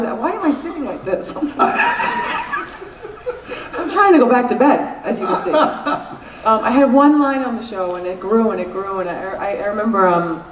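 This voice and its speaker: In an echoey convention room, captured by a distant mic, a New York actress speaks in a mid-range voice over slight background noise. She's the guest, and her interview is candid, full of laughter and free swearing.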